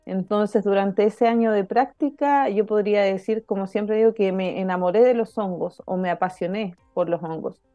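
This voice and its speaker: A woman, a guest explaining her field in a measured way during an interview. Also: mid-range voice, mellow, no echo, soft background music. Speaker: guest, mycologist and author. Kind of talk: interview answer.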